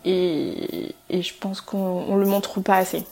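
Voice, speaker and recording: A woman from France talks about her skincare brand in a relaxed interview, at a medium pitch. She often hesitates and restarts her sentences, with plenty of fillers. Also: slow, creaky. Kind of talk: casual interview answers.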